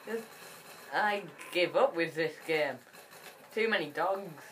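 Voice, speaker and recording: Female gamer, low register, chatty and excitable commentary. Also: slow, slight background noise. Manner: chatty and excitable, rambling with frequent restarts. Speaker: gaming channel host. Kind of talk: casual gameplay commentary.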